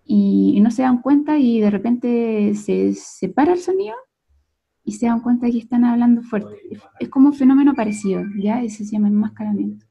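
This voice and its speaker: Husky Chilean woman explaining as a speech therapist. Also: on the high side, lively intonation, a little fast, dark tone. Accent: Chilean Spanish. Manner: conversational, often tags sentences with a questioning "ya?" or "cierto?". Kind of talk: explanatory lesson. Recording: dull lo-fi recording with faint music.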